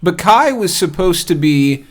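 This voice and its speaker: A man's voice: high voice, very animated, a little slow. A man co-hosting a podcast in casual chat, enthusiastic and laughing easily. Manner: chatty, laughs easily, enthusiastic fan talk. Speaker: podcast co-host.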